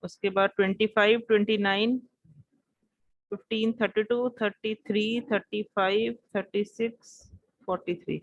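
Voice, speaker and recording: A woman teacher taking attendance and lecturing in an online class over a video call, in a brisk, businesslike way. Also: mid-range voice, fairly even intonation, no room sound, lo-fi sound.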